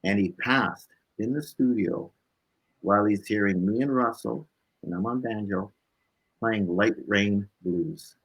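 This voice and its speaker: Lo-fi sound carries a man's lowish, husky voice, unhurried in pace. As a blues musician guest in an interview, he casually shares personal anecdotes with animation, playing out the dialogue and adding "right?" to his phrases.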